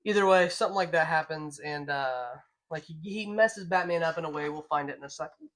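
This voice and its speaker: A man's voice: on the high side, a bit bright. A man co-hosting a podcast, rambling through a comic book plot and stumbling over words as he reads aloud. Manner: rambling, halting, stumbles when reading aloud. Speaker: podcast co-host. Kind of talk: casual comic book review chat.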